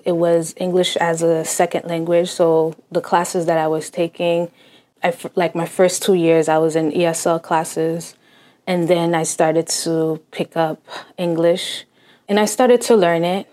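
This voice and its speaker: This is a young Cambridge, Massachusetts woman with a lowish, dark-toned voice. Her first language is Haitian Creole, and as an interview guest she reflects in relaxed conversation, dropping in many fillers.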